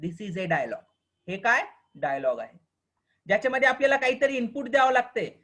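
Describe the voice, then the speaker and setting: A man with a Marathi accent teaching a programming class online, often pausing to ask whether the students understand and slowing down for the English definitions. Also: extremely high pitch, expressive, a bit bright. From Maharashtra, India. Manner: keeps checking if students understand; mixes slow dictated English with quicker explaining.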